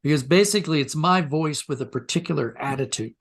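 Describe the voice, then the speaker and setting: An older American man, interviewed as a guest, tells anecdotes in a conversational, reflective and self-deprecating way. He talks fast, with a slightly high voice.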